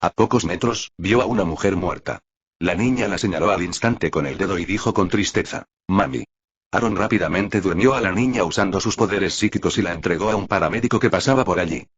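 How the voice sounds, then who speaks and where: A man narrating an audiobook in an even, dramatic storytelling manner. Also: sits low, brisk, slightly rough, lo-fi sound.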